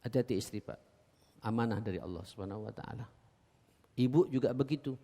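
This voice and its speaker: A man with an East Javanese accent preaching a sermon in a mosque. He talks earnestly and keeps addressing the congregation directly, swinging between loud emphatic exhortation and low quiet asides. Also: fast talker, vocal fry. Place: large mosque hall. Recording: echoey mosque hall.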